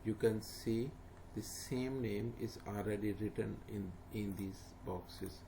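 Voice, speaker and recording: In a screen-recorded walkthrough, a tutor guides viewers through an online form step by step, speaking plainly and instructively with lots of fillers. His voice is fairly low, gravelly and slow, with fairly even intonation, and English isn't his first language. It's a noisy home recording.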